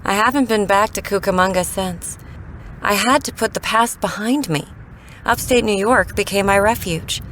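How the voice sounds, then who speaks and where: A woman's voice: mid-range voice, moderate pace, fairly bright tone, a little hiss or hum, natural voice, low-quality recording. An actress playing an earnest, lovelorn female scientist in a melodramatic 1950s sci-fi parody. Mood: heartbroken.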